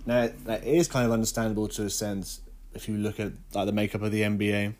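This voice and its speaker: A man's voice: fairly low pitch, little pitch movement, fast, a little mellow, slight background noise. Stuffy-nosed man ranting. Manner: opinionated, rambling, frequent ums. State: stuffy, nasal from hay fever. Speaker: podcast host. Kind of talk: casual solo rant.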